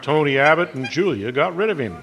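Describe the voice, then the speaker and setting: An actor playing a calm, gentle male heavenly guide who speaks in a measured way, in a 1940s radio drama. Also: fairly high pitch, loud music behind the voice.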